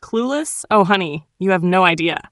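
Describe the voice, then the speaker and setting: Female storytime narrator, slightly low pitch, cool and sharp-tongued, dramatic first-person delivery. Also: expressive, normal speed, dry recording, studio quality.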